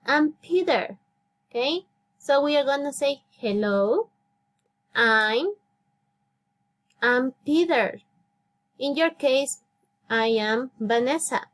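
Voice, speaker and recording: A woman in her thirties with an Ecuadorian Spanish accent, teaching a beginner English lesson. She talks patiently, repeats phrases and praises often. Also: sits high. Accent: Spanish-speaking Ecuador. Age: 30s. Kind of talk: slow, clear classroom instruction.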